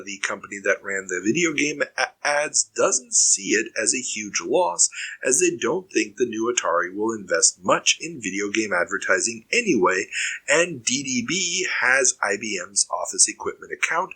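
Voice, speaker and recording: Bright-voiced man hosting a news podcast. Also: mid-range voice, very animated, normal speed, low-quality recording. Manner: reads headlines, then riffs conversationally. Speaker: podcast host. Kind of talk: reading news items and chatting.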